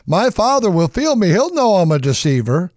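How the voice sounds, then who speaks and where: A man's voice: high-pitched, sing-song, normal speed, darkish tone, no echo, studio quality, voice pushed up. A male preacher voicing an anxious young man who fears being caught out, in a raised, pleading tone. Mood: worried.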